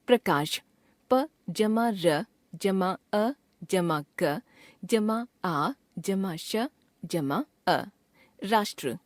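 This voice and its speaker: Very slow, dry-voiced woman reading grammar drills. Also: mid-range voice, dry recording. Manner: spells words out letter by letter in a measured drill. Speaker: Hindi grammar teacher. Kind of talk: slow, deliberate textbook reading.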